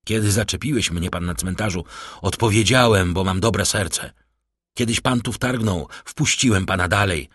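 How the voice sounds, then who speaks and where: Male narrator doing desperate young man, husky, loud, impassioned, storybook reading. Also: deep voice, moderate pace, dry recording, studio quality. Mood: bitter fury. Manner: impassioned, rising to outbursts.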